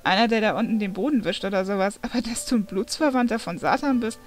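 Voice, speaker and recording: A woman's voice: medium pitch, quick pace, soft background music, natural voice. Woman voicing a mocking, secretive male angel. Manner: mocking, incredulous.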